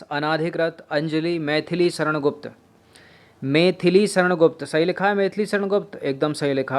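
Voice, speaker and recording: A man leads an exam-prep spelling lesson in a voice a little higher than most. He says each word several times and asks his students how it is written. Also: clear, resonant tone. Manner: drills words by repeating them, asks students questions. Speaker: teacher.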